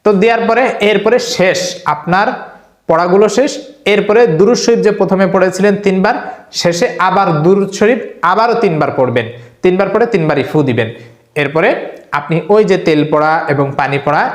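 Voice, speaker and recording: A man's voice: sits high, lively intonation. Echoey man teaching a Quran lesson. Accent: Bangladeshi Bengali. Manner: slow, drawn-out recitation of Arabic verses, repeated for learners; brisk, repetitive spoken instructions with frequent filler "ah". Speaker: Islamic teacher. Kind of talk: step-by-step religious instruction with Quran recitation. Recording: echoey room.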